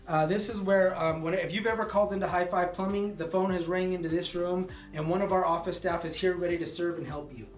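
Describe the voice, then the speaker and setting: A man in his thirties giving a relaxed walking tour of his company's warehouse and offices, with frequent fillers. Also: high voice, distant mic. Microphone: camera following him, mic at a distance. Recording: echoey rooms, voice a bit off-mic, soft music underneath.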